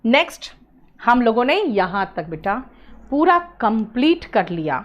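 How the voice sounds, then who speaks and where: A woman's voice: on the high side, sing-song, unhurried, highs cut off. A woman teaching an online English exam class. She explains words patiently, calls students "beta" and keeps checking "है ना?". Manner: mixes English terms into Hindi explanations.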